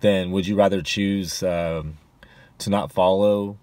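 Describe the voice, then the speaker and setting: A man's voice: low-pitched, fairly even intonation, takes it slowly, a little mellow, no room sound. A man in his forties, a rideshare driver, giving casual advice to a dashboard camera in his car, rambling with many fillers and restarts. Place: inside a parked car.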